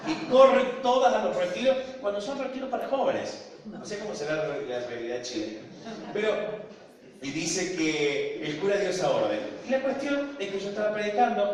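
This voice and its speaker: A man with an Argentine accent tells a testimony as he preaches. He swings from loud, emphatic lines to hushed near-whispers. His voice comes from far off in a big, very echoey hall with a long reverb. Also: medium pitch, a little hiss or hum. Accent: Argentine Spanish.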